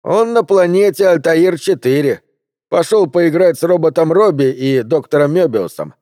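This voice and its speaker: A man's voice: fairly high pitch, animated, moderate pace, warm tone, dry recording, studio quality, voice pushed up, natural voice. A male narrator voicing a mocking man in an armed gang who chuckles and jeers sarcastically. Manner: jeering, sarcastic.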